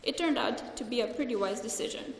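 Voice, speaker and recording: A young Slovenian woman gives a formal graduation speech in English from a lectern in a large hall. Her voice is fairly high, brisk and gravelly, and she speaks earnestly and carefully from notes, restarting a few times. The hall is echoey, with faint ambience.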